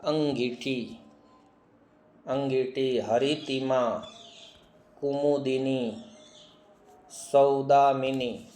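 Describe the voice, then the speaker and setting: A man teaching Hindi spelling, reading word after word slowly, repeating each one and asking questions he answers himself. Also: mid-range voice, darkish tone, roomy sound. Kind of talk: online exam-prep lesson.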